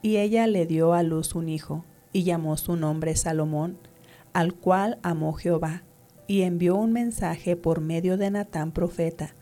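A woman reading scripture aloud in a measured, even way. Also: fairly low pitch. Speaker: scripture reader.

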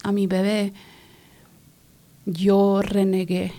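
A woman from Los Angeles giving her personal testimony in an interview, speaking haltingly, repeating words and slipping in English phrases. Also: medium pitch, completely flat delivery, dark tone. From Los Angeles, California.

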